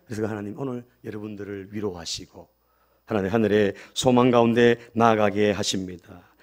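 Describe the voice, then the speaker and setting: A male pastor preaching a sermon emphatically, swinging between loud outbursts and quiet asides and calling out for amens. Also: on the low side, fairly even intonation, moderate pace. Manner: calls for amen and hallelujah responses.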